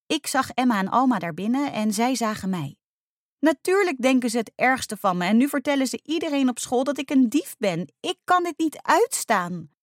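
A young schoolgirl's voice trembles as if she might cry at any moment, pitched high and bouncing with feeling, as a woman reads her lines. The sound is dry and close. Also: lively intonation, fairly quick, hardly any pauses, no room sound. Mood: upset. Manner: shaky, tearful, high-pitched. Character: upset schoolgirl, near tears, indignant.

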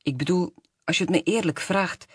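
A reader voicing a spiteful, venomous grown man in an audiobook, in a husky voice. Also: mid-range voice, moderate pace, no echo, clean studio sound. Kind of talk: audiobook reading.

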